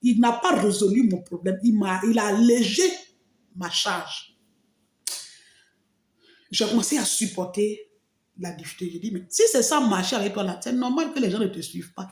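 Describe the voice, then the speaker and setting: A woman's voice: mid-range voice, normal speed, long pauses, darkish tone, reverberant. A woman giving an emotional personal testimony, telling her story expressively with frequent exclamations. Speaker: testimony speaker.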